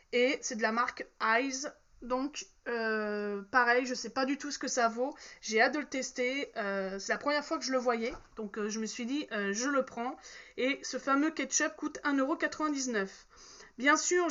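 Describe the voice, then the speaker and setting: A woman's voice: high voice, bright, forceful tone. A woman in her thirties, chatting casually about her shopping haul, hesitant and full of fillers and self-corrections. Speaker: vlogger showing a shopping haul. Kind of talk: casual chat. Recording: slightly dull, faint background noise.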